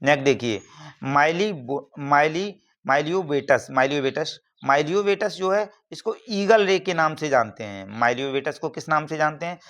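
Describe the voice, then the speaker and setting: A man's voice: fairly high pitch, expressive, normal speed, fairly bright tone. A man teaching biology for exam prep over slides, repeating each term and quizzing listeners as he goes. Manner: repeats terms and asks the class questions; frequent "theek hai na" checks.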